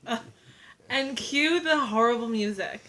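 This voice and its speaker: A woman co-hosting a casual movie recap, teasing her co-host and chiming in with quick remarks. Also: fairly high pitch, pushed and bright. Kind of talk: casual chat.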